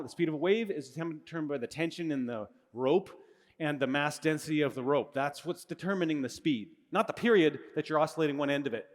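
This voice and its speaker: A middle-aged man with a fairly high-pitched voice lectures on physics live to students in a large hall, using a handheld microphone. He explains casually and self-corrects along the way, and the space carries a long reverb.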